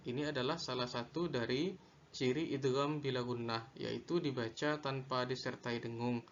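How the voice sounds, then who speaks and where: Man teaching slowly, dull lo-fi sound. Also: medium pitch, fairly even intonation, a little hiss or hum. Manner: slow, deliberate, repeating definitions. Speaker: religious studies teacher. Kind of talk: Quran recitation rules lesson.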